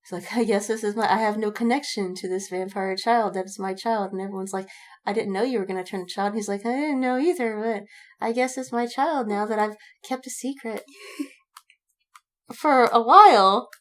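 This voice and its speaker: A woman co-hosting a podcast chats casually, rambling through stories with acted-out quotes and plenty of swearing. Her voice sits at medium pitch and moves at a moderate pace.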